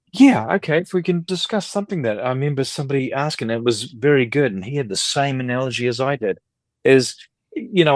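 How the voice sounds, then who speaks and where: With a medium-pitched voice and no room sound, a middle-aged man who collects and deals records chats freely as an interview guest on a podcast. He's talkative and meandering, telling stories and voicing other people's lines.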